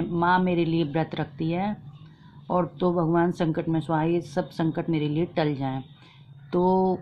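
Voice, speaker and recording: A woman casually retelling a folk fasting tale in a plain, homely way with repeated phrases and fillers. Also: low-pitched, lo-fi sound, a little hiss or hum. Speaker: storyteller.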